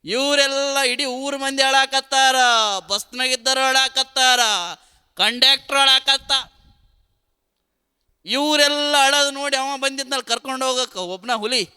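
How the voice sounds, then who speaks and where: A man delivers a humorous sermon, spinning stories in an animated way. His voice sits very high, bright and smooth. Long reverb from a hall hangs behind him. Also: unhurried. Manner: storytelling with lively, animated delivery. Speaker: preacher. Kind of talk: humorous religious discourse.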